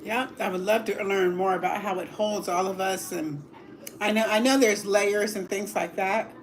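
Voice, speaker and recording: A middle-aged woman hosting a casual livestream at home, chatting slowly while eating and savoring each bite with hums. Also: mid-range voice, slight background noise. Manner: slow and relaxed, savoring food with hums. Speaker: livestream host.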